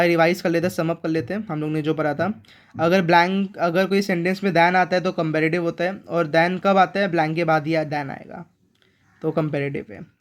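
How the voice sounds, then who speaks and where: A man teaching an English grammar lesson in an online class. He repeats key words and asks his viewers questions. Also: fairly high pitch.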